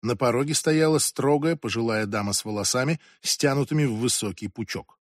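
Measured male audiobook narrator, medium pitch, dry close sound. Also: no echo. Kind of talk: scripted narration.

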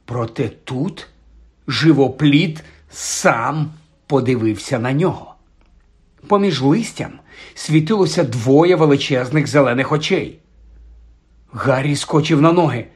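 A man reading an audiobook as narrator, with expressive, steady storytelling. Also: mid-range voice, slow. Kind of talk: scripted narration.

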